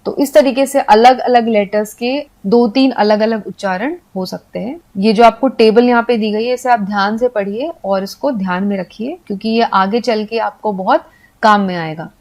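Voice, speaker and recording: A woman giving a patient video lesson for Hindi speakers, explaining step by step and spelling letters out slowly. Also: mid-range voice, darkish tone. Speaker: English teacher.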